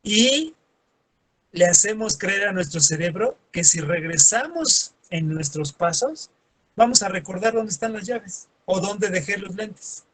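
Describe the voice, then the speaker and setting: A man's voice: high-pitched, expressive, unhurried, fairly bright tone. A man teaching a lesson, acting out everyday scenes in quoted voices and adding sarcastic asides. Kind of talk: classroom lecture.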